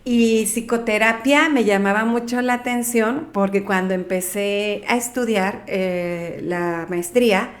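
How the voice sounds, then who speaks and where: A woman's voice: medium pitch, a little slow, few pauses. A middle-aged woman with a Mexican accent, a guest chatting in an interview who talks things through aloud and sometimes trips over her words. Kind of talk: casual interview talk.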